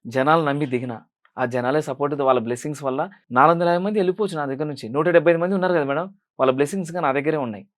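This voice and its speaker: Rapid-fire earnest man with Rayalaseema accent. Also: fairly high pitch. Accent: Rayalaseema Telugu. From Rayalaseema, India. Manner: earnest, rapid, addresses interviewer as madam constantly. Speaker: film director and actor. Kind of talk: interview answers.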